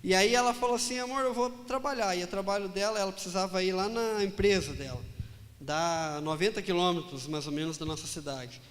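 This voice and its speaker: A pastor telling a personal story in a sermon, animated and dramatic, acting out the dialogue. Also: male voice, high-pitched, brisk, long reverb tail.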